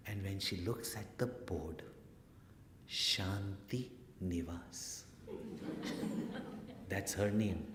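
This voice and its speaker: A man telling a story in a spiritual discourse, acting out the people he quotes and dropping to a hush for suspense. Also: low-pitched, extremely slow, long pauses. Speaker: spiritual teacher. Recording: echoey hall, faint noise.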